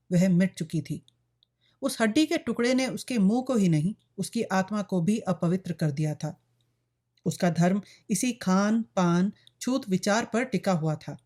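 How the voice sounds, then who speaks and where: A woman reads a novel aloud as an audiobook narrator. Her delivery is steady and measured. Her pitch sits in an ordinary middle range.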